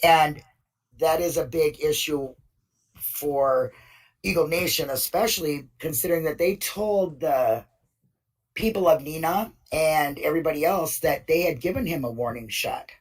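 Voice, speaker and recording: A woman's voice: deep voice, measured pace, breathy edge, far from the mic, low-quality recording. A woman in a casual open mic discussion, telling a story in an indignant way with many fillers. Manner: indignant, retells events with lots of fillers.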